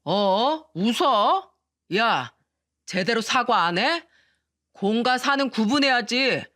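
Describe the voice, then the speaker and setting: Woman putting on a drunken bully of a middle-aged man, slurred and bossy, pitched up and drawn out, storybook reading. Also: lively intonation, slow, a bit bright, dry recording, studio quality. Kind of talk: storytelling radio narration.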